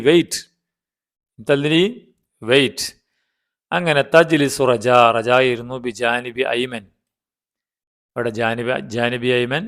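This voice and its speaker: Slow, clear-voiced language teacher explaining. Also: male voice, mid-range voice, fairly bright tone. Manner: reads a phrase, then explains it, repeating words and asking the class simple questions. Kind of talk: online language lesson, explaining a text line by line.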